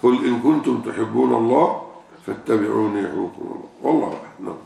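Gravelly older Egyptian sheikh in an echoey hall. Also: male voice, lowish voice, lively intonation, fast talker, warm tone. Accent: Egyptian Arabic. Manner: asks rhetorical questions and repeats key words for emphasis. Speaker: sheikh answering questions. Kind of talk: religious question-and-answer sermon. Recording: echoey room, far from the mic.

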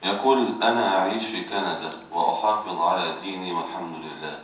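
A man with a very deep voice reads out listeners' questions for the sheikh in a plain, even manner. He is far from the mic, and his voice rings around a strongly echoing room. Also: fast. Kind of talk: reading questions aloud.

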